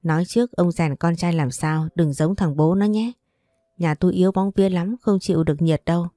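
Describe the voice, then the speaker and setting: A woman's voice: on the low side, brisk, dark tone, no room sound, studio quality, close to an everyday voice. A woman voicing a cheeky young man who jokes and boasts in a storybook. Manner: jokey, boastful.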